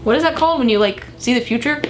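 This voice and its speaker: A woman's voice: a little high, fast, music in the background. A young woman reading old teenage diary entries aloud in a dramatic, gushing way, breaking off for casual, sweary asides. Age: young adult. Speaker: vlogger.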